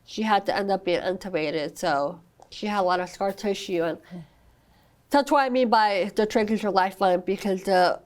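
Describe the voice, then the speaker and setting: A young mother speaks earnestly as a guest in a podcast interview about her child's rare condition, her voice medium-pitched, a little mellow and moderately paced. She uses plenty of "I mean" and "you know." An occasional cough marks her recovery from an illness.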